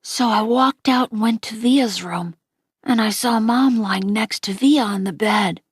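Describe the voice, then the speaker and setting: A woman narrating an audiobook in a gentle, unhurried reading voice. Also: a little high, slightly rough, dry recording, studio quality.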